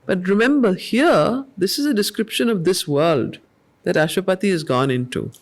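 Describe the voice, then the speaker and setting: At a weekly study group gathering, a woman with a somewhat low voice leads the circle, reciting verse in a slow, measured way and repeating lines. She then explains it conversationally and earnestly, asking the group questions and answering them herself.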